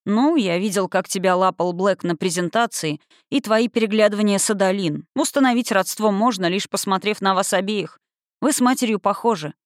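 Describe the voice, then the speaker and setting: A woman's voice: medium pitch, brisk, dry recording, clean studio sound, close to an everyday voice. A woman voicing a self-assured male investigator with a teasing manner in an audiobook. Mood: explaining.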